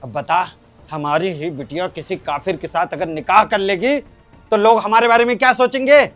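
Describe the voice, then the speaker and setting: An actor playing a hardline cleric father who rants and schemes, with forceful preachy delivery. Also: a little high, moderate pace, faint music behind, lightly acted. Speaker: actor in a short drama. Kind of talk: Hindi short-film acting.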